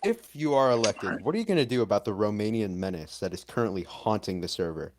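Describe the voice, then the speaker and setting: A man's voice: on the low side, animated, fast talker, background noise. A man co-hosting an online debate with casual banter and questions for the candidates. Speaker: debate co-host.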